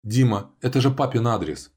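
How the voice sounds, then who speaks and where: A man's voice: mid-range voice, brisk, darkish tone, pitched above the performer's own voice, natural voice. A man reading an audiobook, voicing a frightened young woman who pleads for the man she loves. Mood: worried. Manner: pleading, tearful. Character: frightened devoted young woman, the narrator's girlfriend.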